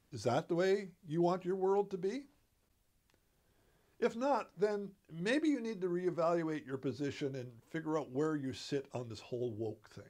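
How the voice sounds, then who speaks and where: An older man with a slightly high voice hosts a comedy how-to from his home study. He talks straight to camera, chatty and emphatic, and gets pointed when he makes his case. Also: a little mellow. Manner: conversational, emphatic, occasionally preachy. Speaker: host.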